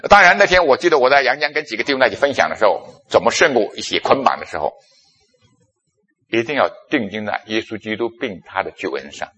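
A man preaching a sermon, telling stories from his own life and acting out his past self in animated bursts. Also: medium pitch, fast, breathy edge, highs cut off. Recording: long echo of a large hall.

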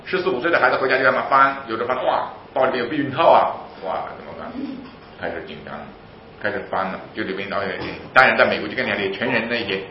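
A man delivers a rapid sermon, firing off rhetorical questions and answering them himself. His voice sits at an ordinary pitch. The room rings around him on a slightly dull recording with a faint hum of ambience behind. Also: echoey room. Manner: animated and emphatic. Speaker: preacher.

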